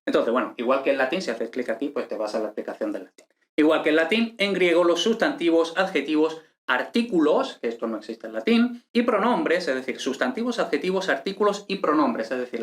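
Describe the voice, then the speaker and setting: A man's voice: fairly high pitch, expressive, fairly quick. A man teaching an online lesson and explaining each point step by step, often checking in with short tag questions. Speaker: teacher of ancient Greek.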